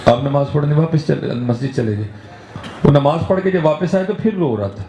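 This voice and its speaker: A man's voice: fairly high pitch, lively intonation, mellow, slight background noise. A man with a Punjabi-inflected Urdu accent, preaching a sermon to a gathering and often checking in with a questioning "hain?". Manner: rhetorical, keeps checking in with the audience with a questioning "hain?"; switches into Punjabi for emphatic exhortation. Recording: echoey, slightly dull hall recording.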